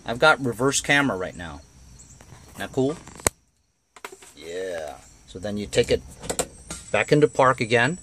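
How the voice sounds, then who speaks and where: A DIY how-to creator grumbles bluntly and colloquially through a casual hands-on tutorial in and around a cargo van. His medium-pitched voice swings widely in pitch, and he takes his time with long pauses. Background noise is present.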